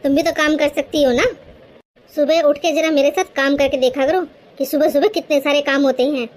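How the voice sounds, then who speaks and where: A woman's voice: high-pitched, fairly even intonation, a little fast, natural voice. A woman voicing a bossy, overworked elder daughter-in-law who scolds and lectures in a cartoon. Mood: scolding. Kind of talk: cartoon voice acting.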